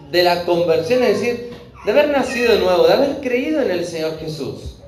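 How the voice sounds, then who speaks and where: A man preaching a verse-by-verse Bible sermon, earnest, often pausing to check in with his listeners. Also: sits high, darkish tone, slight background noise. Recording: echoey room with faint ambience.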